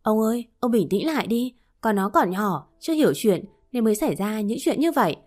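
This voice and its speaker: A woman's voice: a little high, animated, fairly quick. Woman reading as a worried, coaxing mother. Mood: soothing. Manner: anxious, gently coaxing. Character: worried middle-aged mother, anxious and soothing.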